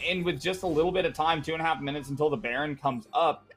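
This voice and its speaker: A man's voice: on the high side, fast, a bit bright. A man giving color commentary on a live esports match in a loose, chatty way, with frequent fillers. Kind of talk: live game analysis commentary.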